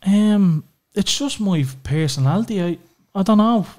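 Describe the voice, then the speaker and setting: An Irish man with a high, mellow, expressive voice talks at a measured pace as a guest on a podcast. He opens up emotionally about family in a candid personal conversation, cursing freely and using "you know" often.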